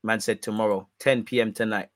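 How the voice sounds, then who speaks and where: A man's voice: fairly low pitch, fairly even intonation, brisk, heavy background noise. A man with an urban London roadman accent, chatting casually and slangily as the host of a football fan livestream. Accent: London, urban street. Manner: conversational, slangy, roadman-style speech. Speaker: football fan channel host, live streamer.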